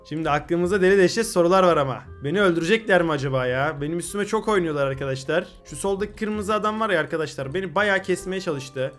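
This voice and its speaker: Fast-talking excitable young man gaming. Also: sits high. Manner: excitable, shouts at other players and reads chat aloud. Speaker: gaming YouTuber. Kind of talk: Minecraft gameplay commentary.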